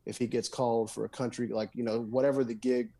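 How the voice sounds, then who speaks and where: A man's voice: medium pitch, flat delivery, quick pace, dark tone. A man guesting on a podcast, talking in a loose, rambling way with lots of fillers, restarts and "dude". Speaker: guest guitarist and songwriter. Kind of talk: casual podcast conversation.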